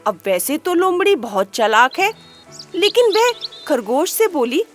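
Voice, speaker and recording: A woman narrates a children's moral tale in a high, light voice. She takes her time and poses little questions to her listeners. Soft music runs faintly beneath her. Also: very animated. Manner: unhurried, asks listeners rhetorical questions. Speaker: storyteller.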